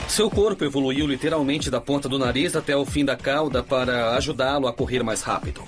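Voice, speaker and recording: A man's voice: medium pitch, fairly quick. A man with a Brazilian accent giving explanatory expert commentary for a documentary. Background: faint music.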